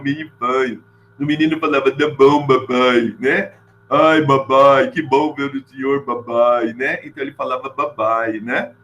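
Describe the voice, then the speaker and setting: A man's voice: a little high, slight background noise, poor audio. A middle-aged man with a Brazilian accent giving a casual literature lesson, informal and chatty, often checking in with his listeners. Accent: Brazilian Portuguese. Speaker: literature teacher. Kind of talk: casual classroom lecture.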